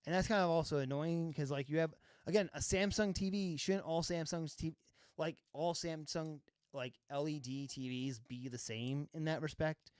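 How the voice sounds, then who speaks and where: A man's voice: on the high side, moderate pace, darkish tone, clear, resonant tone, no room sound, clean studio sound. A man chatting casually on a live stream as a filmmaker, rambling with lots of fillers, swearing now and then. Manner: rambling, filler-heavy, swears and laughs often. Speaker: filmmaker live-streaming his color grading.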